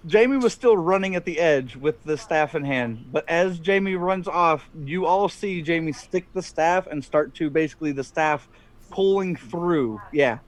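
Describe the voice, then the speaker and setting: A middle-aged man with a slightly high voice acts as game master. He improvises the narration haltingly, circling back over his words. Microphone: headset on a video call.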